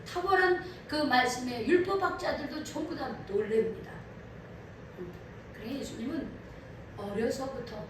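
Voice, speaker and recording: Animated woman preaching in an echoey hall. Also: high voice, far from the mic, slight background noise. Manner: animated, asks the congregation questions. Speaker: pastor. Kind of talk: sermon. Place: church sanctuary.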